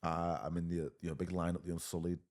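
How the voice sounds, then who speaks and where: Deep-voiced, blunt man swearing freely. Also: monotone, fast, a little mellow. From United Kingdom. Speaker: podcast guest. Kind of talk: casual storytelling.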